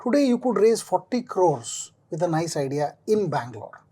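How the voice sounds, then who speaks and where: A man's voice: sits high, very animated, moderate pace, warm tone, husky. A man speaking informally as a finance commentator on a panel, explaining things by acting out imagined quotes.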